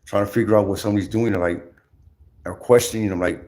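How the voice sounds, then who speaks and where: A man's voice: fairly low pitch, fairly even intonation, a little mellow. Rambling man ranting on a livestream. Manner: rambling, repetitive, slangy and profane; halting, restarts often. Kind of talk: casual livestream rant.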